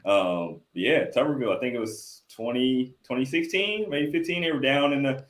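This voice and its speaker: A man's voice: mid-range voice, moderate pace, fairly bright tone. A man, a sports site publisher, telling loose rambling stories in a casual football interview.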